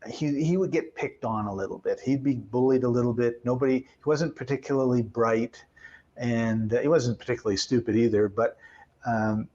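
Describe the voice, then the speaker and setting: A man's voice: mid-range voice, normal speed, lo-fi sound. A man telling a workplace story in a conversational interview, acting out the voices of the people in it. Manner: animated storyteller, acts out quoted voices.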